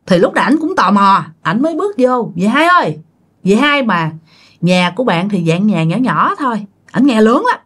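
A woman's voice: mid-range voice, very animated, moderate pace, husky. A woman telling a ghost story casually, chatting directly to her listeners.

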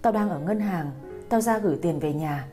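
A woman's voice: lowish voice, moderate pace, warm tone, soft background music, lightly acted. A woman reading a tearful young mother. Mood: distraught. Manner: tearful, pleading. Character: young mother frantic over her missing son.

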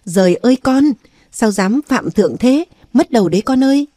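A plain-spoken old village mother , as a woman narrator puts her on talks in a homely, gently scolding way. Her voice is mellow and dry-recorded. This is a storybook reading. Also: a little high, expressive, normal speed, dry recording, pitched above the performer's own voice. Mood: alarmed.

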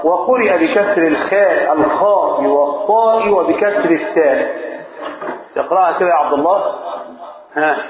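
A man with an Egyptian accent teaching a religious lesson. He asks his listeners questions and repeats phrases slowly. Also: on the high side, crowd noise. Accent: Egyptian Arabic. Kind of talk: mosque Quran lesson. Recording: echoey hall over a tinny lo-fi line.

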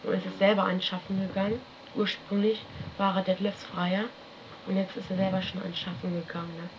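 A woman's voice: mid-range voice, little pitch movement, fairly quick. A woman casually recounting events in a rambling, colloquial way, constantly tagging her sentences with a questioning "ne?". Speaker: interviewee recounting her life. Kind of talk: casual spoken recollection. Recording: dull lo-fi archival radio tape with faint hiss.

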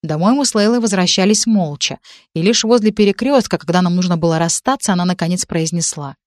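A woman narrating a first-person audiobook in an even, measured reading voice. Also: lowish voice, no room sound, clean studio sound.

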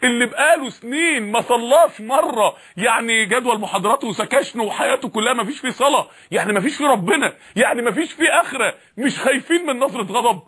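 A man's voice: extremely high pitch, expressive, fast talker, hardly any pauses, sharp tone, breathy edge. A man with an Egyptian accent preaching a sermon, fiery and full of repeated rhetorical questions.

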